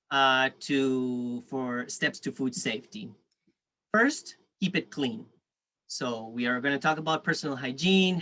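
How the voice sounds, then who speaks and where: A man's voice: fairly high pitch, fairly bright tone. Spanish-accented man teaching an online workshop. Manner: friendly, reads chat aloud, frequent fillers. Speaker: food safety workshop instructor.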